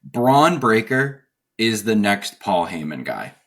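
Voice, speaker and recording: Low-voiced man chatting on a podcast. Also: very animated, slow pace, fairly bright tone. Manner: chatty, laughs often, reads from his notes. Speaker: podcast co-host. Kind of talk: casual podcast chat.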